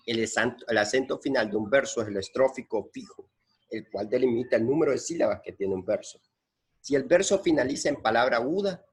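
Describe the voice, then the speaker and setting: A man's voice: mid-range voice, slightly rough. A man teaching a lesson, patiently explaining and repeating points and counting syllables aloud. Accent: Central American Spanish.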